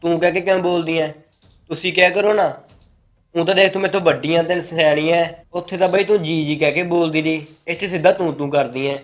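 A man's voice: fairly high pitch, fairly even intonation, fast talker, natural voice. A man playing a mild, placating young brother. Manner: soft-spoken, placating. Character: mild young brother trying to calm a family quarrel. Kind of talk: village family short-film acting.

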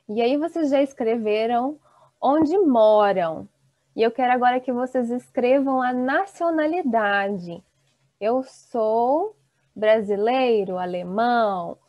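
A woman in her thirties teaching an online Portuguese class, slowly and encouragingly reading out students' chat replies. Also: fairly high pitch, mellow, dry recording. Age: 30s. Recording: dull, dry video-call audio.

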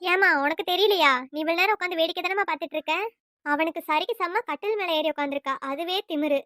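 A woman voicing a nagging, sharp-tongued middle-aged mother-in-law in a family cartoon. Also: fast, no echo, studio quality. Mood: scolding. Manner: nagging, taunting, shrill. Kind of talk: cartoon voice acting.

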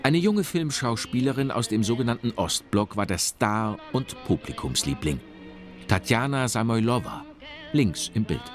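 A man reading scripted documentary narration in a measured, expressive way. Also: mid-range voice. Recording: narration over loud music.

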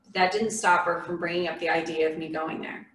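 A woman reading a memoir aloud in a church, in a measured, earnest storytelling voice. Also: lowish voice, fairly even intonation, fairly bright tone. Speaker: memoir reader. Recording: echoey room from a distant mic.

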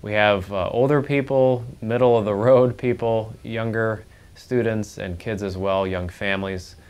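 A man's voice: on the low side, steady tone, measured pace, a little mellow, clean tone. A middle-aged male pastor giving an earnest welcoming introduction to his church, with some fillers and restarts, recorded on a lapel mic. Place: church office, then large church sanctuary.

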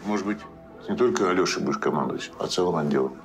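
A man's voice: deep voice, animated, quick pace, soft background music. A middle-aged man playing an avuncular, jovial boss in a naturalistic screen drama. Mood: low, confiding.

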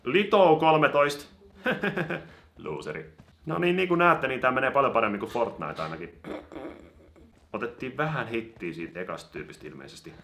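A man doing casual gameplay commentary on a mobile game, excitable and given to sudden yelps when startled. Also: medium pitch, gravelly, slight background noise. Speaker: gaming YouTuber.

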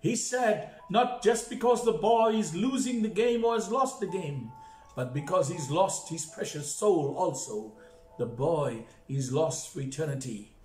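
High-voiced male preacher in an echoey church. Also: expressive, measured pace, a little mellow. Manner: dramatic, repetitive emphasis. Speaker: pastor. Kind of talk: sermon storytelling. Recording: echoey church with faint music.

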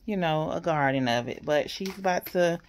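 A woman's voice: deep voice, normal speed. A woman, chatting casually to her viewers, laughing often as she talks. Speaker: vlogger, single mother. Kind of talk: casual chat to camera.

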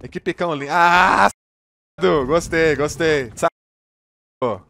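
A Brazilian man with a Brazilian Portuguese accent calls out a live match. He talks at a rapid clip in a slightly high voice and coaches his viewers as a crew, full of slang and energy. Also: lively intonation, slight background noise. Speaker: game streamer. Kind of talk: live gameplay commentary and coaching.

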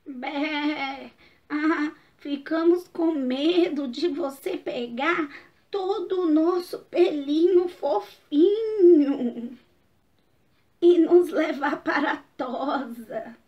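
A woman's voice: high-pitched, drawn-out words, far from the mic. A woman voicing a flock of timid, fluffy sheep with a shy bleat, in a dull lo-fi recording.

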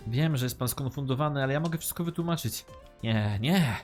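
Male let's-player, chatty and joking, middle pitch, faint game music under him. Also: brisk, a little mellow. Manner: chatty, joking, reads game lines aloud. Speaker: let's-play gamer. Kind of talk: casual gameplay commentary.

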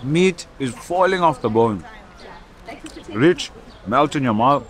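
A man's voice: mid-range voice, expressive, slow. A man, giving a casual food review in short, savouring phrases. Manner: savouring, short appreciative phrases while eating. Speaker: food vlog host. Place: outdoors in a parking lot. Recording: outdoor car park with chatter and traffic.

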